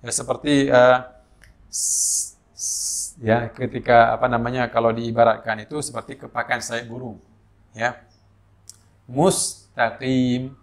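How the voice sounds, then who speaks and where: Indonesian male Quran teacher, unhurried explainer who breaks into slow chanted examples. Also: mid-range voice, gravelly. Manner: explains slowly with many fillers, then chants drawn-out recitation examples. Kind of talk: tajwid lesson with demonstrations.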